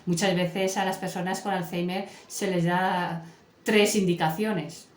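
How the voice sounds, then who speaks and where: A woman's voice: fairly low pitch, steady tone, measured pace. A woman who works in Alzheimer's care, explaining patiently in a casual conversation. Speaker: Alzheimer's care professional, guest. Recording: echoey room with faint noise.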